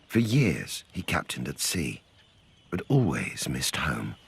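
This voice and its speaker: Male nature documentary narrator, deep register, expressive melodic range, scripted read. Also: slow, vocal fry, slight background noise. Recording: music bed behind voice. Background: background music.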